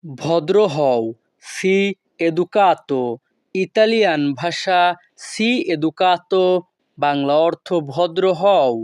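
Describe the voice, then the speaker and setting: A man teaching short phrases in a slow lesson, repeating each one syllable by syllable. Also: fairly high pitch, a little mellow, no echo, clean studio sound. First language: Bengali. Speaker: language teacher.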